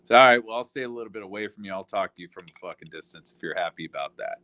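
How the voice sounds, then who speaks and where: A man's voice: lowish voice, very fast, bright, forceful tone, no echo. A man ranting in casual talk, profane and rambling, full of fillers like "you know".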